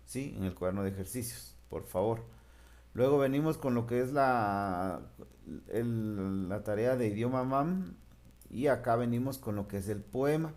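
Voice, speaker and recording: Man teaching, slow patient syllables. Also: mid-range voice, darkish tone. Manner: patient, explaining step by step, drawn-out syllables. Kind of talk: remote class lesson.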